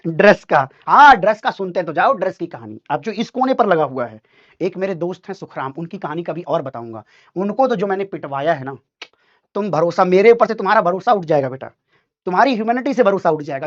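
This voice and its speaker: A man tells his students a story about his school days. He tells it with a lot of drama and slips into voices for the people in the story. The recording sounds a little dull and lo-fi. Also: sits high. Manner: animated, dramatic storytelling with acted quotes. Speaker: teacher.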